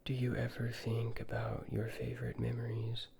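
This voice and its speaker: An ASMR host speaking in a soft, breathy, soothing whisper, gently asking the listener questions with long pauses, close to the microphone. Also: medium pitch, completely flat delivery. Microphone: close ear-to-ear microphone.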